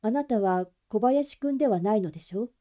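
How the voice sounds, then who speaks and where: A woman's voice: a little high, animated, fairly quick, mellow, lightly acted. Woman voicing a polite, earnest servant. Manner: polite, deferential.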